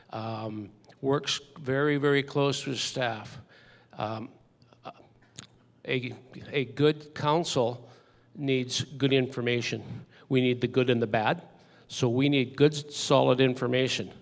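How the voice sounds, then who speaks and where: A man, an elected official, speaking sincerely on a conference panel with frequent pauses and fillers. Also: mid-range voice, gravelly. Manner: halting, many fillers, sincere. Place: conference hall. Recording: reverberant conference hall.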